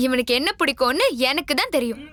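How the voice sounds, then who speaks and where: A mother in a TV serial who fusses over her son and then scolds him. Her voice is very high and lively, and clear music plays underneath. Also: fast. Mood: scolding. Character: doting, scolding mother of the hero. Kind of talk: TV serial acting.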